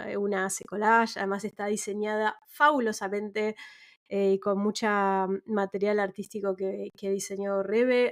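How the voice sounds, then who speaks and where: A woman, a researcher speaking as an interview guest, chatty and lively. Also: mid-range voice. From Argentina. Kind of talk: casual interview.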